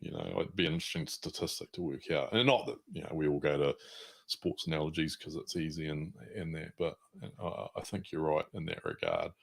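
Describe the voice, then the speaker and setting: A New Zealand podcast host with a New Zealand accent conducts a casual interview in a folksy, colloquial, rambling style packed with uhs. His bass voice runs a little fast, creaky and fairly bright with a breathy edge.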